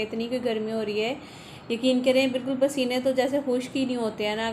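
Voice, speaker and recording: A woman, chatting quickly through a voice-over for her home vlog, rambling from one thing to the next. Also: on the high side, darkish tone, a little hiss or hum. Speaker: vlogger and mother.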